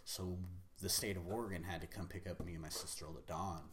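A man's voice: sits low, fairly even intonation, a little fast, noisy background. An American man from the Pacific Northwest telling personal stories in casual conversation, candid, slangy and profane. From United States, Pacific Northwest. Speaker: guest.

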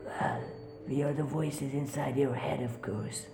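Man voicing sneering inner voices, mocking, slow, fading to whispers, echoey room. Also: medium pitch, steady tone, vocal fry, dark tone, slight background noise, voice pushed up. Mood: taunting. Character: taunting voices inside a man's head, sneering. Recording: roomy echo.

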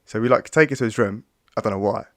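A young man co-hosts a podcast, telling stories in a laid-back, slangy style during casual chat. His voice is lowish and fast, recorded clean in a studio with no echo.

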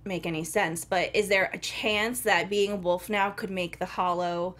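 A woman's voice: lowish voice, fairly even intonation, normal speed, fairly bright tone. A woman co-hosting a TV after-show, musing on what might happen next in a speculative, playfully worried way. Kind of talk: casual fan chat.

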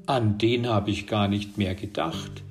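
A man voicing a soft-hearted girl who pleads and apologizes. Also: on the low side, fairly even intonation, a little slow, over music, close to an everyday voice. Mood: rueful.

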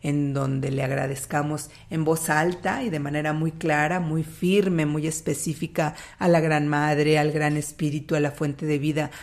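A woman with a Latin American Spanish accent hosting an informal spiritual talk, speaking in an unhurried, gently guiding way with deliberate phrasing. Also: sits low, level tone. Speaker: host of a spiritual talk series.

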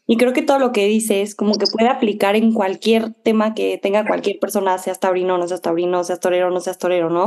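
A woman's voice: mid-range voice, darkish tone. A woman hosting a casual podcast, speaking reflectively in long linked thoughts full of fillers. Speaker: podcast host.

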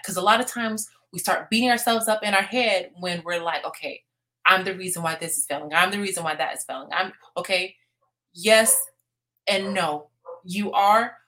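A woman's voice: on the low side, normal speed, bright, forceful tone. A woman co-hosting a motivational talk, earnestly giving practical advice. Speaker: co-host.

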